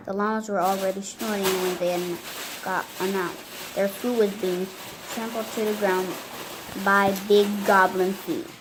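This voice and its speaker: A woman reads a children's fairy book aloud at an ordinary pitch. Her reading halts over words and restarts them. A faint hiss sits under the voice. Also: fairly even intonation. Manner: halting reading with misread words. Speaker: reader.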